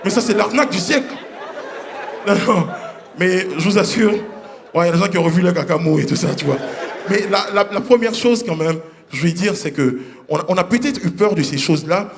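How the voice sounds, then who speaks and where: A man performing a stand-up comedy set on stage, animated and acting out characters with sudden high voices. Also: a little fast, vocal fry, crowd noise, noisy background. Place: comedy stage before a live audience. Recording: roomy live stage sound with audience.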